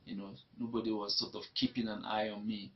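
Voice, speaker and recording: On a dull lo-fi recording, a young Nigerian man with a Nigerian accent gives personal testimony in an interview. His voice sits on the low side with a flat delivery and a slightly fast pace, and his reflective telling of his life story often repeats itself.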